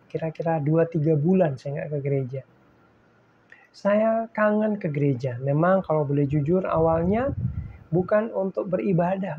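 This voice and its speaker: A middle-aged man shares a heartfelt faith testimony, speaking slowly with a husky, breathy voice. He talks straight to his listeners, dropping to near-whispers and then rising to fervent declarations. The audio sounds slightly dull and muffled. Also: fairly high pitch. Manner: emotional, swinging between soft hushed lines and loud fervent ones; keeps addressing listeners as "guys".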